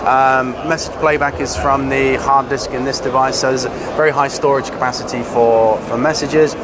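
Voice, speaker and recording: A man giving an informal, technical product demonstration as a company representative, speaking haltingly with frequent pauses. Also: mid-range voice, steady tone. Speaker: company representative presenting products at a trade show. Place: busy trade show exhibition floor. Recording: loud trade show floor noise.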